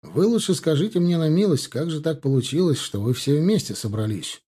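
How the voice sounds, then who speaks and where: A man voicing a calm, good-humored retired general in an audiobook. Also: on the high side, a little fast, husky, pitched above the performer's own voice. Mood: calm, commanding. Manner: calm, commanding.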